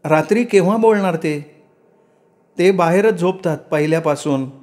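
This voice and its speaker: Brief: shy young wife, voiced by a man, tearful, soft, pitched up, storybook. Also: moderate pace, lightly acted. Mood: timid. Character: young tearful daughter-in-law Malti, timid.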